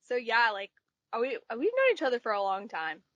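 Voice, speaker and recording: A woman in her twenties from Texas, a podcast guest telling stories in an animated way, filling with "like" often. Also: a little high, fairly quick, no room sound, highs cut off. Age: 20s. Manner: animated storyteller, says "like" a lot. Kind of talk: casual chat.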